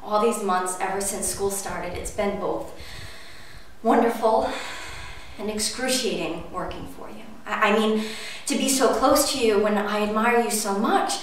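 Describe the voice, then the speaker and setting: Actress as hurt, anxious woman in her twenties, dramatic monologue, earnest and halting; distant mic, faint noise. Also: medium pitch, heavy reverb, natural voice. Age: 20s. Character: anxious, hurt young woman pleading with a demanding mentor. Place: indoor room with blue backdrop. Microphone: distant camera microphone.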